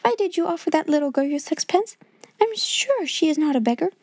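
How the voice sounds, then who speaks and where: A woman plays a sensible young girl from a storybook, sure of her opinions and quick to explain. Her voice sits raised and soft, with a mellow, close sound. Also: sits high, gravelly, no room sound, pitched above the performer's own voice. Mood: anxious. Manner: decisive, a little anxious.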